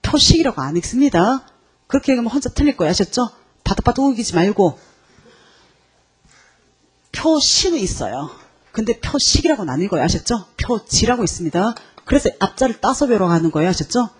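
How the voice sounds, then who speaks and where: Husky woman lecturing, checking in constantly. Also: fairly high pitch, racing. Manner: lively, quizzing students with constant check-ins. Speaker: Chinese character lecturer. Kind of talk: exam-prep lecture.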